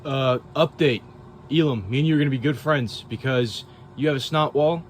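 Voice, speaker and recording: A man's voice: medium pitch, fairly quick, a little hiss or hum. Man giving a rambling, profane update. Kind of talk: casual update message.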